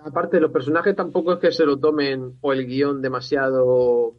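A man's voice: medium pitch, level tone, normal speed, dry recording, lo-fi sound. A man chatting casually about films as a podcast panelist, conversational and given to exasperated rhetorical asides. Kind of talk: casual film discussion.

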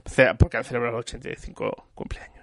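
A man talks casually, trailing off and restarting sentences as he recounts a film. His voice sits at a middle pitch. The recording is dry and close. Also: flat delivery, quick pace, fairly bright tone, no echo. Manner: rambling, full of restarts and repeated words. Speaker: film reviewer in conversation. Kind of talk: casual chat.

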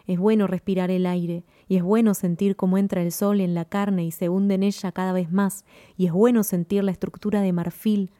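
A woman narrates a first-person story in a calm, measured, lyrical reading. Her voice has a mellow, warm tone at a middle pitch. The recording is dry and close with no room sound. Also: no echo.

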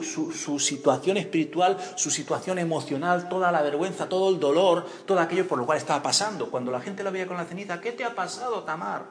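A pastor preaching a sermon in church, telling stories with acted-out voices and questions to the congregation. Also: male voice, a little high. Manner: animated storytelling, acts out voices and cries, asks the congregation questions.

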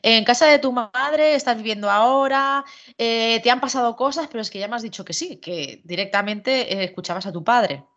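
A woman's voice: fairly high pitch, moderate pace, fairly bright tone. Hesitant woman interviewer, dull sound. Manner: conversational, hesitant with fillers. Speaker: host, interviewer. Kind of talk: casual interview. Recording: dull lo-fi recording.

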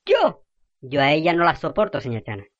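A woman's voice: sits low, huge pitch swings, fairly quick, lo-fi sound, exaggerated voice. A woman playing a fiery, foul-mouthed middle-aged gossip who rants indignantly in rural slang. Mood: ranting.

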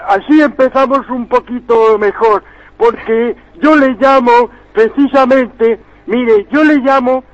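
A man's voice: very high-pitched, takes it slowly. A man voicing a pompous, indignant 106-year-old village man who calls in to a radio show and demands respect. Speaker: caller. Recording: muffled phone line.

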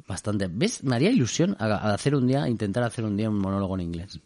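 A man in casual conversation, playful and jokey, tossing in quick asides. His pitch swings widely as he talks, and the recording is close and dry with no room sound. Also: expressive, darkish tone, no echo. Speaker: podcast co-host, comedian. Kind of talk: casual chat.

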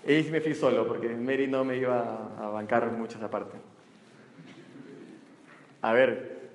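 A man with a Peruvian accent giving a lively, joking live seminar talk as a motivational speaker to an audience. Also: mid-range voice, a little slow, gravelly. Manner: energetic and joking. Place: large hall before an audience. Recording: echoey hall with faint room noise.

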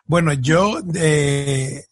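Husky hesitant man from Ecuador. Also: a little high, very slow, dry recording, studio quality. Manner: hesitant, many fillers and restarts. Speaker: guest musician. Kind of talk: casual podcast interview.

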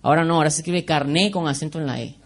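A man's voice: a little high, rapid-fire. A man preaching a sermon in a conversational way, asking the congregation questions and making joking asides.

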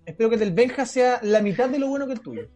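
A man's voice: very high voice, expressive, fast, warm tone, soft background music. A Chilean man co-hosting a podcast, telling stories in a laughing, joking casual chat. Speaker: podcast co-host.

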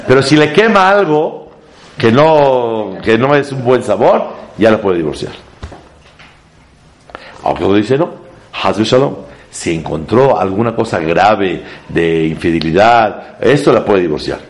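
A rabbi leads a Torah lesson for a live audience, animated yet keeping a measured pace. His delivery is emphatic, rising in pitch for emphasis, and he sprinkles Hebrew terms into what he says.

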